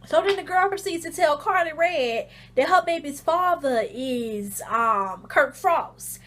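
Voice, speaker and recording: A woman giving a casual, slangy recap of a reality show, telling it as a lively story full of fillers. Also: high voice, a little slow. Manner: animated storytelling, acts out the show's scenes in shrieky voices; loose slangy talk with fillers. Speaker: reality TV reviewer.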